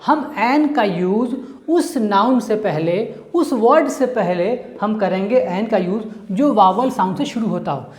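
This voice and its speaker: A woman teaching a grammar lesson. She works through each example step by step, putting questions to her listeners and answering them herself. Her voice sits at a middle pitch and carries the echo of a roomy space. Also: lively intonation, a little slow, a little mellow. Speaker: English teacher. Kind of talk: classroom-style grammar lesson.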